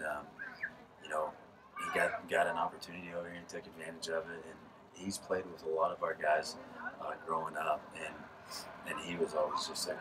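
A high school baseball coach in his thirties speaks casually in a postgame interview from a press box above a lit ballfield at night, rambling, laughing and often restarting. He uses a headset mic, but the recording sounds distant and carries background noise.

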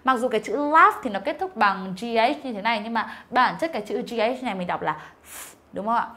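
A woman's voice: fairly high pitch, expressive, brisk, pushed and bright. A young woman teaching an online English lesson, patiently explaining and carefully modeling each sound, with frequent fillers and check-in questions to her pupils.

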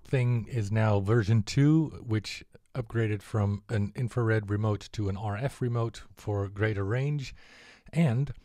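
A man giving a relaxed, casual product update about a prototype, with frequent filler words. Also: fairly low pitch, takes it slowly, dry recording. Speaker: collectibles maker presenting a prototype.

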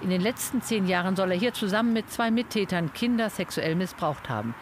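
A man with a notably high voice narrates a news report in a sober, measured tone. A faint hiss of background noise sits under the read. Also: animated. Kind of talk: scripted news voice-over.

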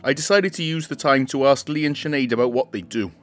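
A man from Wales hosting a casual food vlog, friendly and quick to laugh at his own slips. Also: medium pitch, faint music behind. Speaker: vlogger host. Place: indoor restaurant.

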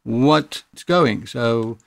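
In a dry recording, a man with a gravelly, mid-range voice walks through a music production tutorial, stretching out his words with lively intonation. His narration is casual, informal and explanatory, the way someone chats through software steps.

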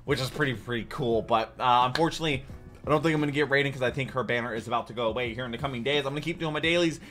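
In a small room at home, a reaction video host gives chatty, informal commentary while faint music plays behind him. His voice is mid-range and slightly bright, and he talks in rapid-fire bursts.

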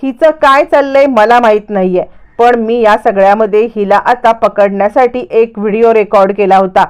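A woman's voice: a little high, normal speed, smooth, lightly acted. A woman doing an indignant wronged mother. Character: wronged middle-aged mother, firm and defensive.

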